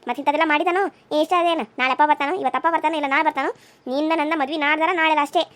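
A woman's voice: high-pitched, fairly even intonation, very fast, a bit bright. A woman voicing an insistent, scheming young woman in a cartoon serial, accusing and demanding. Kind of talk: cartoon voice acting.

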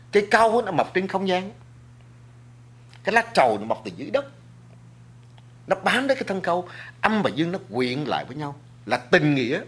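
A man's voice: fairly high pitch, a bit bright, breathy edge. A man speaking as a guest on a talk show, lecturing earnestly to the audience about food and culture, with frequent restarts and filler words. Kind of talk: studio talk show discussion.

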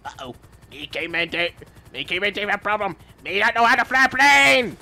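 A man voicing a dim-witted, excitable caveman who talks about himself in the third person while commenting on gameplay. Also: sits high, a little fast, vocal fry, slight background noise, pitched above the performer's own voice, full character voice. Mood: goofy. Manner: broken caveman grammar, third person, sudden yelps. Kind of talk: playful game commentary in character.

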